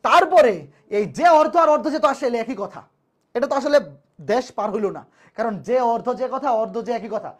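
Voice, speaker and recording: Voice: mid-range voice, a little fast. A teacher gives a live online maths lecture, repeating each point and asking the class rhetorical questions. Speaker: math teacher.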